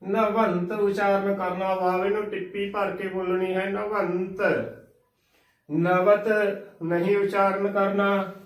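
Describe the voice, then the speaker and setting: A man's voice: sits high, echoey room, recorded from a distance. A man with a Punjabi accent teaching correct pronunciation of scripture, patiently spelling words letter by letter and repeating the right form. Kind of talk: recorded instructional lesson.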